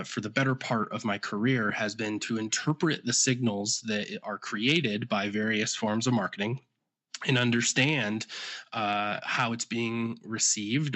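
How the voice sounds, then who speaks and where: A thirty-year-old man with a fairly low but bright, forceful voice answers interview questions. He lays things out step by step in plain words, often tagging his sentences with "right?". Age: 30s. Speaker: podcast guest. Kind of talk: casual explanatory interview answers.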